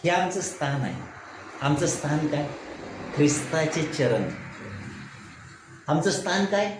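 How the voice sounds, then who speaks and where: Slow high-voiced preacher in an echoey room. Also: male voice, expressive. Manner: asks the congregation questions and answers them himself, repeating "right?". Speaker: pastor. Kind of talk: Bible study sermon with call-and-response questions. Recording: echoey room with background noise.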